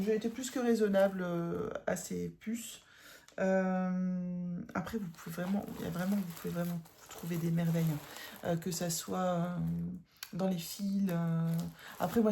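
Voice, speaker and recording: A tired woman with a northern French accent chats through her cross-stitch haul in a loose, rambling way, full of fillers and restarts. Her voice is gravelly, with a dark, mellow tone. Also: lowish voice, fairly even intonation, moderate pace, slight background noise. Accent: northern French, Ch'ti. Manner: chatty, rambling with many fillers and self-corrections. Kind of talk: casual haul chat.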